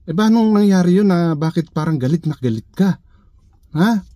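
A man's voice: high-pitched, expressive, moderate pace, mellow, no echo, studio quality. A man giving sarcastic, needling reaction commentary in his vlog, full of rhetorical questions. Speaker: vlogger.

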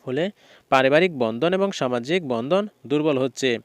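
A male teacher reading exam questions and model answers aloud in a steady, methodical way. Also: medium pitch, normal speed, no echo.

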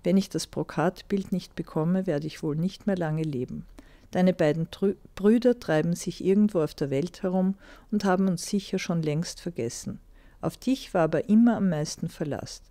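A woman's voice: lowish voice, moderate pace, dark tone, lightly acted. A woman reading a fairy tale aloud and voicing a weak, ailing old mother, weary and pleading with her son.

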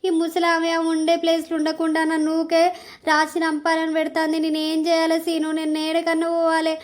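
A woman's voice: very high voice, completely flat delivery, fairly quick. A woman doing a sly young village wife. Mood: whining. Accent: Telangana Telugu. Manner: whining, gossiping. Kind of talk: cartoon comedy voice acting.

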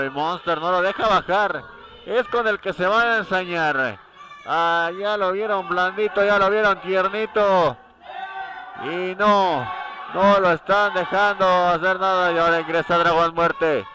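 A man's voice: mid-range voice, bright, forceful tone. A man giving live lucha libre commentary, repeating words for emphasis. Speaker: wrestling co-commentator.

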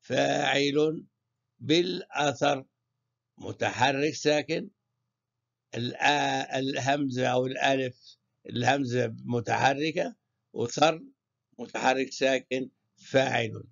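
A male teacher with a Palestinian accent giving a poetry meter lesson, chanting syllables slowly one by one. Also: medium pitch, creaky. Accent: Palestinian Arabic. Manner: slow, drawn-out syllable-by-syllable scansion. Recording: muffled lo-fi recording.

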